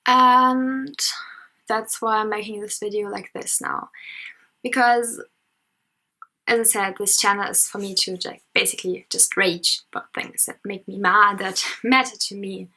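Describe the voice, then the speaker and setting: Her voice mid-range, steady, unhurried, bright and forceful, a nineteen-year-old German woman chats her way through an unscripted vlog. She studies history and sociology, sounds self-conscious with lots of fillers, and is recording roughly at her parents' house at night.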